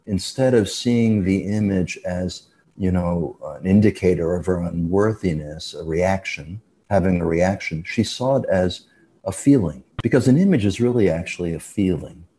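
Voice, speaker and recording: A man speaks as a guest on a radio interview in a very deep voice. His tone is dark and mellow. He explains step by step in a measured way and lets his phrases fade out softly. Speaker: guest expert on dreams.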